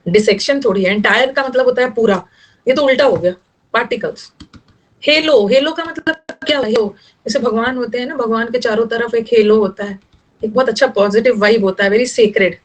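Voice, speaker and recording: A woman's voice: a little high, a little fast, low-quality recording. A young woman teaching English vocabulary in Hindi, explaining word meanings and teasing her students a little. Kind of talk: online vocabulary lesson.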